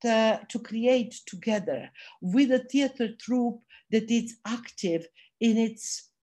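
A woman with a voice giving an online lecture over a video call. She speaks in a measured way and pauses to search for words. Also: a little high, mellow. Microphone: computer mic on video call.

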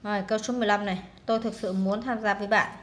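A woman's voice: mid-range voice, steady tone, very fast. A woman teaching English to pupils, working through a test in a casual way with many fillers and translating each word. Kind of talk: exam walkthrough lesson.

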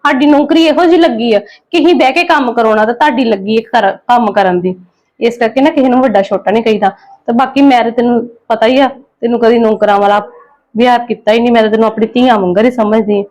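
A woman plays a kindly middle-aged lady of the house in a family drama skit. She soothes and gently lectures in a slightly high, even voice. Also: fast, lightly acted. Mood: soothing. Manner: soothing, gently scolding, preachy.

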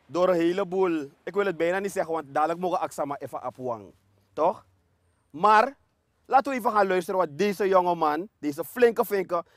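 A man's voice: high voice, no echo. Een man met een Surinaams-Nederlands accent, vrij hoog van stem, leidt als presentator een ontspannen interview op de bank. Hij plaagt zijn gast met vragen. Zijn stem klinkt droog en dichtbij. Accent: Surinamese Dutch. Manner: teasing, playful questioning. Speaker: talk show host. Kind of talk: casual couch interview.

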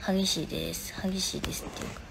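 A young woman with a Kansai accent hosting a live stream from her phone, reading viewer comments aloud and answering them in a chatty, casual way. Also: fast. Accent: Kansai Japanese. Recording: reverberant room, faint background noise.

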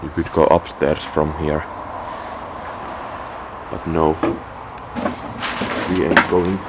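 A man with a Finnish accent, speaking English as a second language, exploring an abandoned house and thinking aloud in halting, searching phrases. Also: extremely low pitch, little pitch movement. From Finland. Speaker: urban explorer. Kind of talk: casual exploration vlog. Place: abandoned house and garage, indoors. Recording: noisy handheld field recording.

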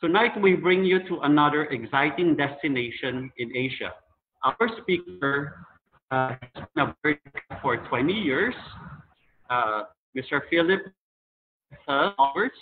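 A man's voice: a little high, unhurried, a little hiss or hum. A man hosting an online session, introducing the guest in an upbeat, announcer-like manner over a video call. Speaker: host. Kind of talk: formal introduction. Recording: tinny video call audio.

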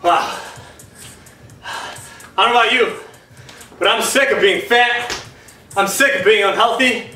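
Breathless, bright-voiced fitness coach man. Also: high-pitched, slow, pauses often, a little hiss or hum. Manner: energetic, encouraging, counting out moves. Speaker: fitness instructor. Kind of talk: coaching a home workout. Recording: echoey room from far off, music behind.

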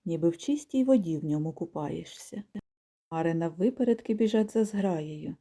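Very mellow woman reading a storybook. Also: mid-range voice. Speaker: audiobook reader. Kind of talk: storybook narration.

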